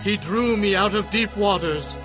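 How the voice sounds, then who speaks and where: In a dramatized scripture reading with music behind, an actor portrays a devout warrior king offering praise to God. His high-pitched voice moves a little slowly, solemn and fervent, filled with awe.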